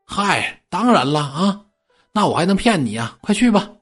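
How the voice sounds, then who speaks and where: A man voicing a brash, bossy tax collector from imperial times who talks loudly and orders people about. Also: high voice, sing-song, moderate pace, breathy edge, soft background music, voice pushed up, heavily acted.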